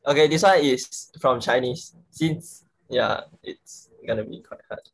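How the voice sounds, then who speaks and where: A woman's voice: very deep voice, animated, unhurried, gravelly, slightly rough, low-quality recording. A woman casually co-hosting a game over a video call. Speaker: game co-host. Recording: online group video call.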